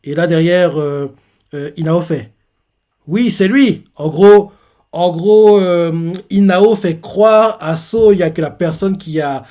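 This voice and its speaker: A man's voice: fairly high pitch, slow pace, dark tone. A man recapping a manga chapter in a casual live reaction, rambling with lots of fillers. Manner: rambling, filler-heavy retelling.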